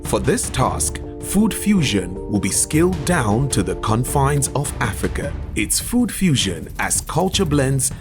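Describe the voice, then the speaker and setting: A man delivers scripted narration with lots of pitch movement and a measured, dramatic rise and fall. Music plays clearly beneath his voice. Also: very animated. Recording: voice-over with music bed.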